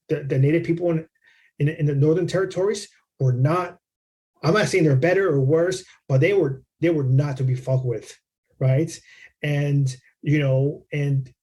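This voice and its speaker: A man's voice: a little high, dark tone. A man co-hosting a podcast in casual conversation, rambling through history, swearing freely and checking in with "right?" and "you know". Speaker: podcast co-host.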